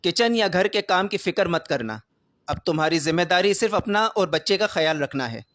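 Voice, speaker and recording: A man voicing a jealous, sharp-tongued older mother-in-law with a taunting, sarcastic manner. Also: high voice, expressive. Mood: overjoyed.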